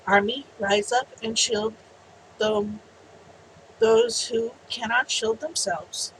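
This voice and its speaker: A woman vlogging, reading out a heartfelt message in an earnest, slow way and sounding teary. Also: on the high side, big pitch swings, a bit bright, a little hiss or hum, low-quality recording. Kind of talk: personal vlog, reading a written message then chatting.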